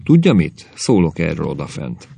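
A suspicious husband who grumbles and mutters his doubts, as a man plays him in a storybook reading. The voice is deep and gravelly. It sounds close and dry. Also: wildly swooping pitch, warm tone, dry recording, heavily acted. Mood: grumbling.

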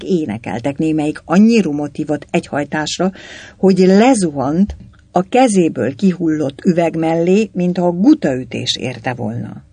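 A man narrating a story with a dramatic, lively reading. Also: on the high side, slightly rough, dry recording. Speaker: audiobook narrator.

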